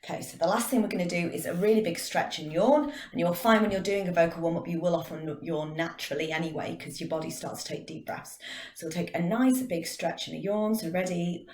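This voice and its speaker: A woman teaching drama, calmly guiding a class through a breathing and vocal warm-up and counting out each breath. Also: lowish voice, a little fast. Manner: calm, counting out breathing exercises. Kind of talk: guided vocal warm-up lesson. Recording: echoey room.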